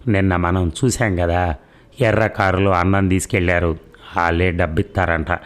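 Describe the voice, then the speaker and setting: A man's voice: sits low, steady tone, normal speed, lightly acted. A man voicing a loyal, protective village boy who talks bluntly and earnestly. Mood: urgent.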